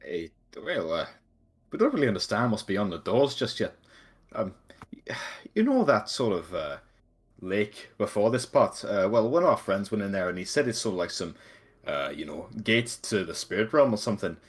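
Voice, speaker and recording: A man's voice: lowish voice, very animated, normal speed, husky. A man playing a tabletop role-playing game, chatting casually and narrating his character in a rambling, informal, sweary way.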